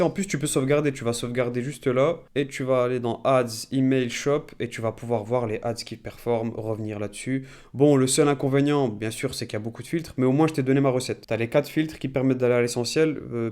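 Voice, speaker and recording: A man's voice: medium pitch, a little mellow. A man giving a casual screen-share tutorial, thinking aloud and talking straight to the viewer with many fillers. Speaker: e-commerce YouTuber.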